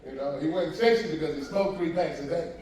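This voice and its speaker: A male stand-up comedian doing crowd work on a cruise ship, loud and animated as he quizzes the audience, heard in an echoey lounge from a distance with the crowd answering. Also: a little high, fast talker. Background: audience laughing and answering.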